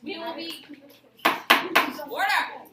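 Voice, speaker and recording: A woman's voice: high voice, normal speed, natural voice. A young woman acting as judge in a mock trial, giving formal rulings and calling for order. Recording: echoey room, far from mic, loud noise.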